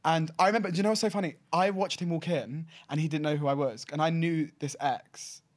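A man's voice: fairly high pitch, steady tone, brisk. A man in his early twenties with an Essex accent, chatting casually in a camp, sweary, slangy manner as a guest. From Essex, England. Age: early 20s. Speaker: podcast guest. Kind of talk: casual confessional chat.

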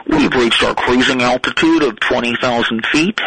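A man doing a comic impression of an airline pilot making a calm cabin announcement in a laid-back drawl. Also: medium pitch, moderate pace, vocal fry, background noise, pitched below the performer's own voice, natural voice. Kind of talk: comic impression on a talk show.

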